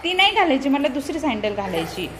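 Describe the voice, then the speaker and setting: A young woman with a Marathi accent chatting in a family vlog, talking softly to the camera and calling out loudly to her small children. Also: high-pitched, very animated, brisk, very noisy. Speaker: vlogger and mother. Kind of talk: casual family vlog chat. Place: home and school grounds.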